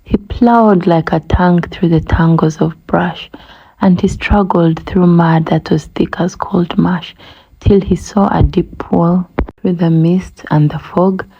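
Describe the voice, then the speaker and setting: A woman reading a rhyming children's book aloud, gentle and rhythmic, often dropping to a breathy whisper. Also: lowish voice, fairly even intonation, slow, highs cut off. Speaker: storybook reader.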